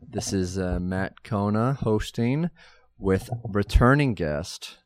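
A man hosting a backstage comedy podcast, chatting casually and rambling with quick asides. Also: fairly low pitch. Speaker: podcast host.

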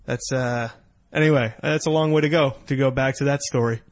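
A man's voice: medium pitch, steady tone, a little fast, no room sound. A man in casual podcast chat, rambling and laughing often as he tells stories.

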